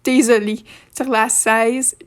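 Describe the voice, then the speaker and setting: Female video presenter, fairly high flat voice, non-native French accent, halting scripted narration with casual asides. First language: not French; French is a third language.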